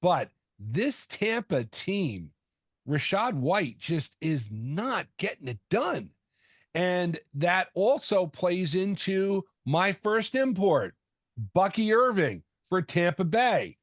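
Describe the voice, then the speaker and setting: Man, lively up-and-down voice, rambling fantasy football co-host, stumbles over words, dry sound. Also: high-pitched, slow pace, dry recording. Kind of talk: casual sports talk.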